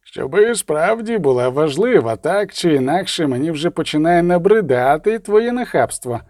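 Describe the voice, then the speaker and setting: A man's voice: a little high, animated, normal speed, a little mellow, no room sound, clean studio sound, natural voice. A man voicing an irritable, imperious bishop in an audiobook. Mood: irritated. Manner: imperious, snappish. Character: irritable arrogant male bishop.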